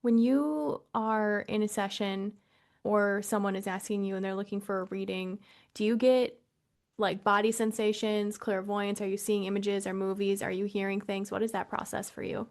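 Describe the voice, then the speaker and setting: A woman hosts an interview podcast, and her voice carries a noticeable gravelly fry. She asks reflective, affirming questions in a mid-range voice. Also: mid-range voice, fairly even intonation, moderate pace, a little mellow. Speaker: podcast host.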